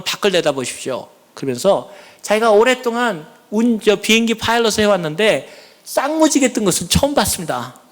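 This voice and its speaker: A man, a church elder, giving a sermon testimony, telling his story and acting out his own prayers and conversations. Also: high voice. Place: large church sanctuary. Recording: reverberant church hall.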